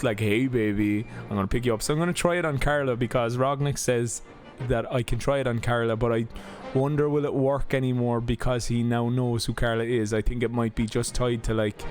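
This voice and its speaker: A young man gives easygoing running commentary over his gameplay, chatting away and often circling back to fix what he said. His voice sits at an everyday middle pitch. Faint game music plays underneath. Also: fairly even intonation, moderate pace, few pauses, a little mellow. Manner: chatty, rambling, self-correcting. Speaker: let's play host.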